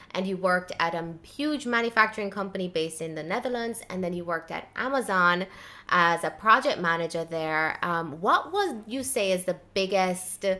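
A woman's voice: lowish voice, bright, forceful tone. A woman hosting a podcast interview, asking questions in an effusive, enthusiastic way. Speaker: podcast host. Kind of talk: conversational interview.

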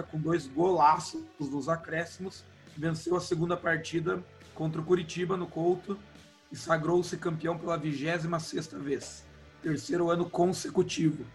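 Thin, reedy-voiced Brazilian man over music. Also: fairly high pitch. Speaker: sports podcast host. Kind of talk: sports news round-up and chat. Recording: music behind the voice. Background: background music.

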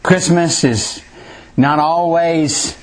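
A man's voice: fairly high pitch, steady tone, very slow. A man preacher reading scripture aloud and telling a story in an earnest sermon. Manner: earnest storytelling with acted quotes.

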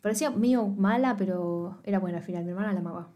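Woman, Rioplatense accent, rapid slangy retelling, quotes characters, podcast co-host. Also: mid-range voice, mellow. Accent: Rioplatense Spanish. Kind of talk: casual chat recapping a TV series.

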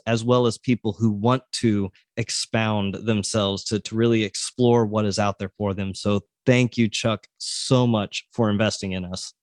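A man's voice: lowish voice, no room sound. American man hosting, dry close sound. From Oklahoma, USA. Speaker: podcast host. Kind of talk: casual conversational hosting.

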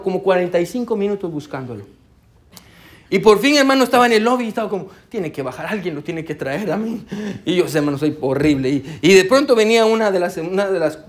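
A male pastor preaching in church, telling a personal story with lots of "amén" and "hermano", and slipping English words into his speech. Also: sits high. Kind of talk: sermon with personal anecdote.

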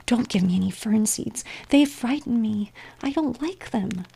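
A woman's voice: a little high, lively intonation, measured pace, vocal fry, mellow, breathy edge, heavily acted. A woman whispering a timid little girl in whispered role-play. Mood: frightened. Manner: timid, shrinking. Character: young girl, shy and fearful.

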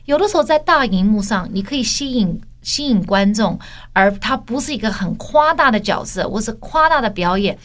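A woman's voice: fairly high pitch, animated, moderate pace, fairly bright tone. A woman raised overseas, speaking Mandarin with an American tinge and mixing in English, chatting animatedly as a podcast co-host. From overseas-raised Chinese. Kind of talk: casual chat.

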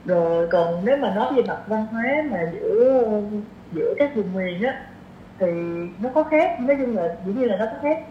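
Her voice sits at a medium pitch, expressive and at normal speed; she's a woman with a southern Vietnamese accent appearing as a podcast guest. She chats easily, illustrating her explanations with everyday examples. Echo, muffling and faint noise mark the recording of this casual interview.

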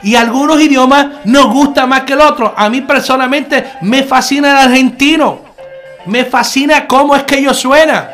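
A man's voice: very high-pitched, moderate pace, a bit bright, faint music behind. A man giving a conversational online sermon as a Messianic preacher, earnest, repeating key phrases and calling the listener brother.

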